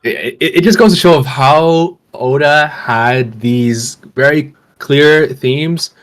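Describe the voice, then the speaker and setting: A man's voice: a little high, slow, soft background music. A man hosting a podcast, chatting enthusiastically and casually, calling his co-host "bro". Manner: enthusiastic, many fillers and restarts, says "bro". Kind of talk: casual chat.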